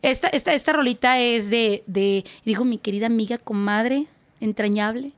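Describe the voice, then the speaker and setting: A woman's voice: on the high side, normal speed. A Mexican woman, a singer and podcast guest, telling stories casually and acting out voices and sound effects.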